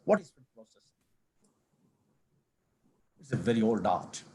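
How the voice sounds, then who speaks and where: A middle-aged man from Kerala, a company managing director speaking as a guest in an online panel interview, measured and formal with frequent restarts. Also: fairly low pitch, big pitch swings, darkish tone, slight background noise. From India, Kerala. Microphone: video call.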